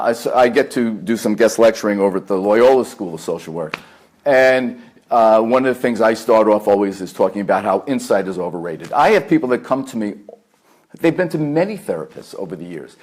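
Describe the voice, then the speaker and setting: A man with a New York accent, a family therapist giving a live workshop talk at a meditation center, measured and earnest, repeating key phrases for emphasis. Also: fairly low pitch, darkish tone.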